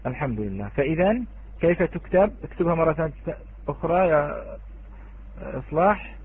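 A man's voice: on the high side, very animated, normal speed, husky. A man teaching an online Quran recitation lesson, patiently quizzing students and chanting the example words. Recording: tinny phone-like online audio.

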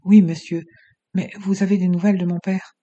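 A frightened young woman prisoner in a storybook, as a male narrator puts her on, answering briefly and timidly. The voice is mellow and a little husky. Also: high-pitched, level tone, brisk, muffled recording, voice pushed up.

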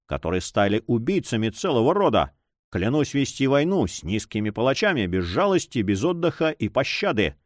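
A man's voice: medium pitch, no room sound, studio quality, lightly acted. A man reading the part of a proud, vengeful young captain, speaking in vehement, impassioned outbursts.

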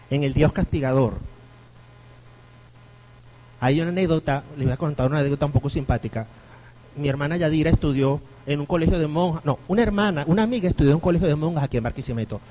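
Animated Venezuelan priest lecturing. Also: male voice, a little high, low-quality recording. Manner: animated storyteller, acts out quoted voices. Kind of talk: lecture to a parish group.

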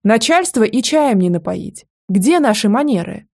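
A woman voicing a fussy, bossy old grandmother who is hard of hearing and talks loudly in exclamations. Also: a little high, animated, moderate pace, vocal fry. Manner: loud, shouting, exclamatory.

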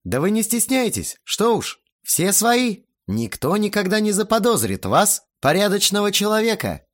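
A man's voice: sits high, very animated, normal speed, voice pushed up. A man voicing an insolent teenage boy who talks with sugary sarcasm, in an audiobook. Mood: mocking. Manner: sarcastic, mockingly sweet.

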